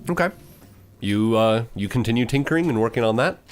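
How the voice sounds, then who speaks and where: A man narrating as game master, steady and matter-of-fact, with frequent pauses. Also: medium pitch, faint music behind.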